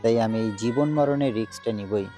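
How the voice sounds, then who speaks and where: With a dark, natural voice of fairly low pitch, this man performs as a determined demon hunter bound by duty in a Bengali audio drama. He speaks at a normal speed, solemn and earnest, while soft background music runs underneath.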